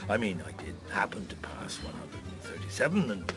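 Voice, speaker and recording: An actor playing a shrewd French police inspector on holiday in a radio drama, speaking in a wry, hesitant, conversational way. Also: male voice, on the low side, sing-song, brisk, loud music behind the voice. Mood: genial, sly.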